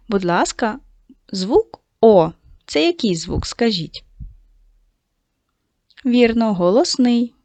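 A woman teacher giving a video lesson to second graders, speaking slowly and patiently and addressing the children directly. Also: mid-range voice, a little mellow, no room sound. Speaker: primary school teacher.

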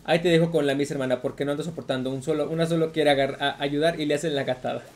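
A woman's voice: sits low, fairly even intonation, rapid-fire, darkish tone. A woman with a Mexican accent giving casual, profane commentary while playing a video game, repeating herself as she rants. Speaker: gaming streamer.

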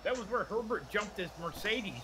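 Man, casual role-play chat, agreeable, very lively pitch. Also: moderate pace, low-quality recording. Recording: game voice chat with loud car noise.

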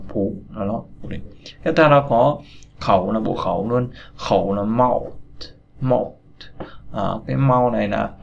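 A man teaching a language lesson in a casual, halting way, with many fillers and repeated words. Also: medium pitch, vocal fry. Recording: dull lo-fi recording with faint noise.

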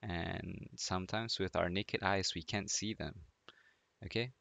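A man's voice: sits low, steady tone, unhurried, gravelly, fairly bright tone, dry recording. A young man from Malaysia presenting a student class project, hesitant and apologetic with many fillers. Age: young adult. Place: home desk, indoors.

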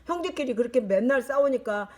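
Grandma reading a kids' storybook, lively, keeps stopping to chat with the little one. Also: female voice, sits high, brisk. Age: older. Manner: animated, shifting into character voices and asides.

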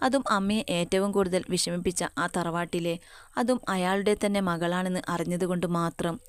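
A man's voice: high voice, fairly even intonation, normal speed, clear, resonant tone, no echo, studio quality, lightly acted. A woman voicing a brooding, stubborn young man with a bitter edge in a spoken story.

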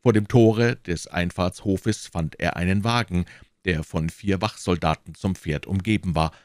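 A man reading a classic novel aloud as an audiobook, with expressive narration. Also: sits low, measured pace, dry recording, studio quality. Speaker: audiobook reader.

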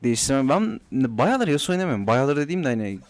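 A man's voice: mid-range voice, sing-song, quick pace, no room sound. A young man giving casual commentary while playing a game, chatty and teasing his opponents, talking to himself at times. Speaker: gaming YouTuber. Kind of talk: live gameplay commentary.

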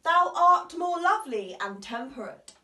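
A woman's voice: high-pitched, lively intonation, measured pace, bright, forceful tone, exaggerated voice. A woman auditioning as a wife facing divorce who mocks her husband, sarcastic and laughing through tears, recorded from a distance in a roomy space. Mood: tearful. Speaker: drama school auditionee. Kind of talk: audition monologue. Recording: roomy, from far off.

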